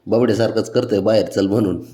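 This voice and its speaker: Guy teasing and coaxing his cat, mellow soft voice, echoey room. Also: fairly low pitch, fairly even intonation, fast talker. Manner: coaxing, teasing baby talk to a pet. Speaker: pet owner vlogger. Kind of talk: casual talk to a pet cat.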